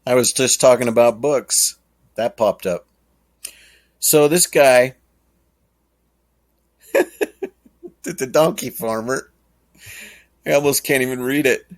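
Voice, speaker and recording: A man hosting a podcast, talking casually in a rambling, chuckling way. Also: medium pitch. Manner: rambling, chuckling, slow and drawn out. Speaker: podcast host. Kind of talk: casual monologue.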